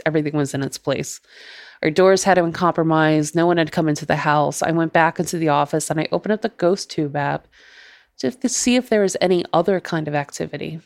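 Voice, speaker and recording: A woman podcast host narrating her own ghost story in a measured, deliberate way. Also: low voice, no echo, studio quality.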